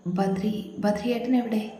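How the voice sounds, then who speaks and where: A woman voicing a tearful, desperate young woman who pleads in a hushed voice, recorded in a very echoey room. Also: medium pitch, fairly even intonation, a little slow, soft background music, lightly acted. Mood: tearful pleading.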